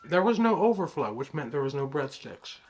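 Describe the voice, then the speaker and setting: Over some background noise, a man co-hosts a keto home cooking vlog, rambling, joking and laughing easily as he chats about food. His voice is on the high side, a little fast, with big swings in pitch.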